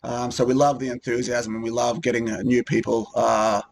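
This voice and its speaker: A man, co-hosting a relaxed, rambling chat about a gaming event. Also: mid-range voice, normal speed, vocal fry. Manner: relaxed, rambling with many ums and restarts. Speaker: co-host of a gaming group video. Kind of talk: casual chat.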